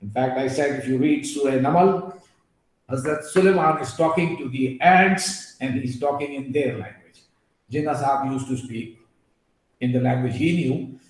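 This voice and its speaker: A guest speaker on a webinar gives an earnest lecture with personal asides, emphatic and digressive and full of fillers. His medium-pitched voice moves at a moderate pace, coming over a video call from a very echoey room.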